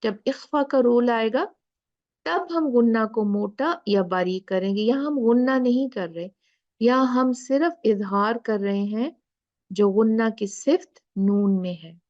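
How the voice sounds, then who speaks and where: A woman teaching Quran recitation rules in an online lesson, patiently repeating words slowly and switching between drawn-out recitation and quick explanation, with a sore throat. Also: a little high, lo-fi sound.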